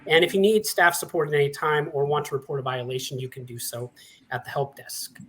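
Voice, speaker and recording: A man's voice: a little high, fairly quick, a little hiss or hum. A man in his forties from Montana hosting a conference session, with a friendly, chatty, self-deprecating manner. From Montana, USA. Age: 40s. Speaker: session host and panelist. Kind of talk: conference presentation.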